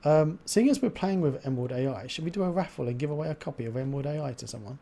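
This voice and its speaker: A man's voice: on the high side, rapid-fire, mellow, slight background noise. A man hosting a livestream in casual chat, pronouncing his R's like W's. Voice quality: cannot pronounce R's, says w for r. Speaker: livestream host.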